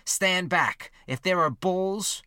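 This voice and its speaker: A man voicing a defiant cornered young union gunman, loud and commanding, in a history narration. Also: high voice, slow, clean tone, no room sound, clean studio sound, voice pushed up, full character voice.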